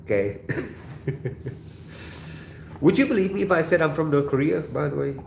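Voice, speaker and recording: A man's voice: on the high side, animated, moderate pace, vocal fry, echoey room, a little hiss or hum. A man from Indonesia hosting a casual livestream, reading viewer comments in a laid-back way and laughing often. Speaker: livestream host.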